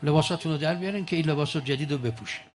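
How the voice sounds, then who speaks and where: A man voicing a sly tailor who flatters a king into wearing nothing. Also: a little high, pitched below the performer's own voice, close to an everyday voice. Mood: flattering.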